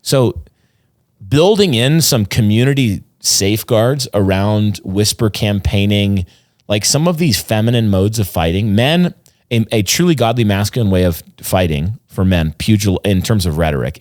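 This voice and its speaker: A man with a fairly low voice talks as a pastor in a casual podcast conversation. He explains earnestly and at length, restarting sentences as he goes. The sound is dry and close, with no room around it. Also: expressive, moderate pace, darkish tone, no room sound.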